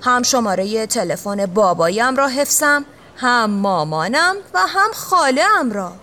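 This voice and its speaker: A woman's voice: a little high, very animated, bright, forceful tone, pitched below the performer's own voice. Woman voicing a proud, confident tall boy. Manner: self-assured.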